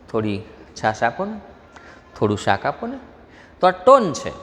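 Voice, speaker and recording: Gujarati accent guy teaching grammar, lively up and down voice, echoey hall, some hiss. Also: medium pitch. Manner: explains step by step, reads example sentences slowly, asks the class questions. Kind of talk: classroom lecture mixing Gujarati and English. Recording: faint noise, long hall reverb.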